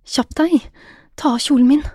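An eager, impatient woman lover in an audio story, voiced by the narrator. She pleads in a breathy voice with a warm, mellow tone. The recording is dry and close. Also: on the high side, no echo. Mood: eager, pleading.

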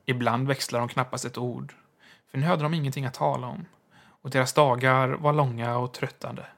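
A male narrator reads a horror story aloud in measured, hushed tones. His pitch sits at an average level and his delivery stays steady and subdued. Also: gravelly.

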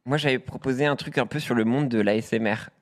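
A man's voice: medium pitch, fast. A man in his thirties from Brittany chatting casually and explaining a game. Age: 30s. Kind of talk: casual chat.

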